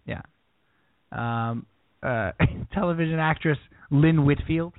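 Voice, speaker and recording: A man co-hosting a podcast, chatting in a deadpan, playful comic way. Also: on the high side, slow pace, dry recording. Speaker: podcast co-host. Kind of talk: casual comedic chat. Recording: dry, phone-like lo-fi.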